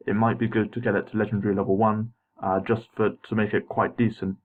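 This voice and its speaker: A young gameplay video narrator gives an unscripted voice-over recorded over game footage, with casual, hesitant, apologetic commentary. His braces slightly muddy his words, and his lowish, level voice moves quickly in a muffled, phone-like home recording.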